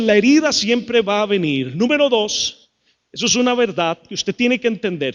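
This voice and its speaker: A middle-aged Costa Rican man preaching a sermon as pastor, lively, acting out what people say and calling out to the congregation. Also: high-pitched. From Costa Rica. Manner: lively, acts out quotes, calls to the crowd.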